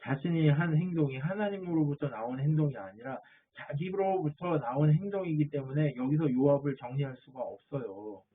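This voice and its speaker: A man's voice: fairly high pitch, moderate pace, hardly any pauses, breathy edge. A man preaching a sermon as a pastor, asking his listeners questions and answering them himself. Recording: tinny phone-like audio.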